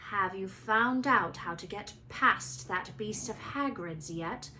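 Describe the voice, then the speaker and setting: A woman voicing a cold, menacing male teacher in an icy, deliberate way for a storybook. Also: medium pitch, pushed and bright, slight background noise, low-quality recording.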